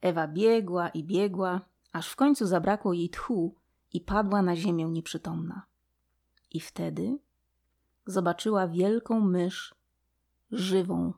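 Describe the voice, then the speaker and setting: Female storyteller, slightly low voice, expressive read of a fable. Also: a little slow, vocal fry. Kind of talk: storybook reading.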